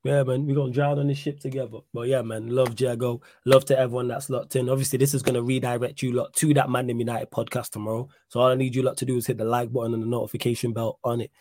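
A man's voice: medium pitch, flat delivery, quick pace, hardly any pauses, mellow, dry recording. London roadman podcast host, dry close sound. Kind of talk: casual live football podcast chat.

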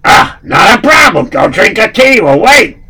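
Guy doing a brash, dim henchman with a high, raspy, gravelly voice that swoops all over the place. it's harsh and tense, loud and indignant every time he talks. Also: sing-song, measured pace, heavily acted. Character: thuggish adult male henchman, blunt and gullible. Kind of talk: storytelling with put-on voices.

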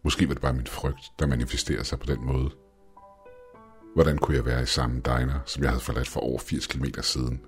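A man reading a first-person story aloud in a measured, brooding way. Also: a bass voice. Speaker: narrator.

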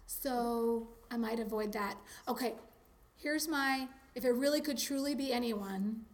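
A woman talking casually in an interview, chatty and animated, with lots of likes and ums. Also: on the high side, unhurried. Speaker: interviewee, teacher.

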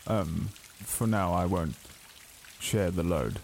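A man in character at a tabletop role-play, his voice very low and his words formal and clipped. Faint rain patters behind him. He weighs each sentence before he says it. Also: animated, darkish tone, slight background noise. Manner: formal, terse, deliberate. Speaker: tabletop player.

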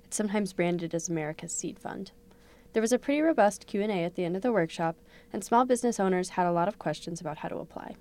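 A woman's voice: lowish voice, expressive, fast, a little mellow. A woman reporter answering a host's questions in a prepared, informative way. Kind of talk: news interview answers.

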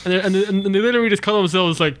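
A man co-hosting a casual podcast chat, telling things in a halting, excited, giggly way. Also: high voice. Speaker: podcast co-host. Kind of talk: casual chat about comic books.

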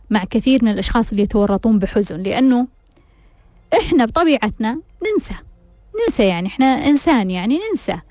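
Fast, blunt woman host. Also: on the high side, darkish tone. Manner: blunt, full of rhetorical questions. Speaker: advice host answering listeners. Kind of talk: frank advice talk.

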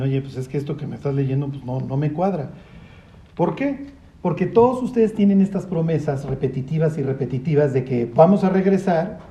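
A man teaching a conversational Bible study, asking his listeners rhetorical questions. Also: sits high. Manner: lively, asks rhetorical questions, acts out voices.

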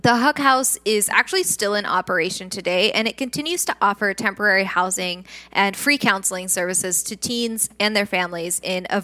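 A woman's voice: mid-range voice, pushed and bright. A woman hosting a true crime podcast, reading scripted narration about criminal cases.

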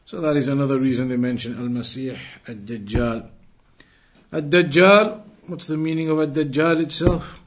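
Speaking at a medium pitch and normal pace, a man teaches a live religious class as an Islamic teacher. He's earnest, repeats important phrases, recites Arabic with fluency, and questions his students, then waits for them to reply.

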